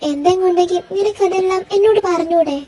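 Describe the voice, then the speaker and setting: A woman's voice: extremely high pitch, quick pace, dark tone, rough recording. A woman voicing a caring best friend. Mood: concerned. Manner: pressing, reassuring, chatty. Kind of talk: fan fiction audio story.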